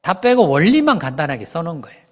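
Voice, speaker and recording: High-voiced pastor preaching in a hall. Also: male voice, fast talker. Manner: conversational preaching, asks the congregation questions and answers them himself; acts out quoted lines in lively voices. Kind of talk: sermon.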